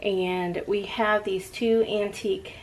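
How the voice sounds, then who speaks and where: A woman's voice: mid-range voice, steady tone, slow pace, slight background noise, rough recording. A middle-aged woman vlogger chatting casually in a rambling way, drifting off and picking the thread back up.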